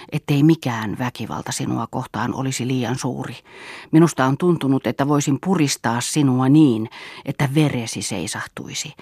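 A woman's voice: rumbling low, a little mellow, slightly rough, no echo, studio quality, heavily acted. A woman reading an audiobook, voicing a passionate young man in love with an intense, pleading delivery.

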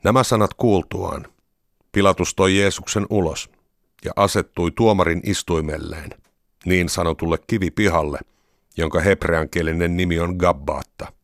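A man narrating a scripture reading in an even, measured way. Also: low-pitched, no room sound, clean studio sound.

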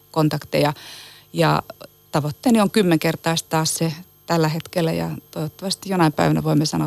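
A woman's voice: low voice, vocal fry, no echo. A woman literary agent answering interview questions with emphasis, listing words one after another and often repeating words as she starts a phrase. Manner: emphatic, piles up lists of words.

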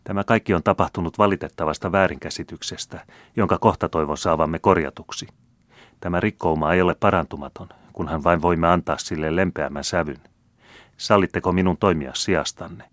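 A man voicing a proud, scheming count, the elder son, smooth and commanding. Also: sits low, fairly bright tone, no echo. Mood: soothing.

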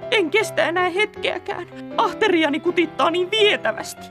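Frantic squeaky fox cub. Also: male voice, music in the background. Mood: desperate. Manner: shrill and excitable. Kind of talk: radio play acting.

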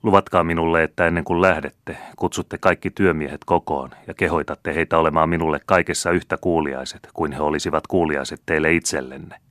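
Stern, secretive steward, grim and firm, deep voice as read by a male narrator. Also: fairly even intonation, hardly any pauses, a bit bright, no room sound, studio quality.

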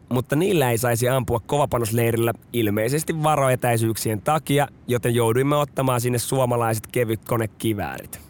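A man hosting a podcast, narrating a scripted true story with expressive delivery. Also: mid-range voice.

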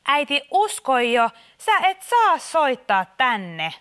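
A woman's voice: high voice, sing-song, clear, resonant tone. A woman playing an exasperated radio quiz host who keeps catching her mother on the line. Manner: bright presenter patter, scolding. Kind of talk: radio comedy sketch.

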